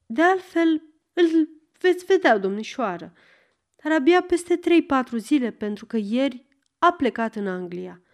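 A woman's voice: sits high, big pitch swings, darkish tone, pitched above the performer's own voice. A woman voicing a curious, scheming middle-aged male notary who asks formal, polite questions. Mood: polite, probing.

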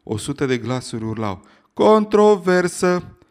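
A man narrating an audiobook in a steady storytelling delivery. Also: mid-range voice, soft background music.

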